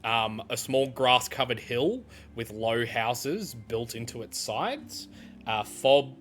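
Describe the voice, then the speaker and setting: A man's voice: mid-range voice, fairly bright tone. An Australian man running a tabletop game as dungeon master, describing scenes with frequent ums and uhs.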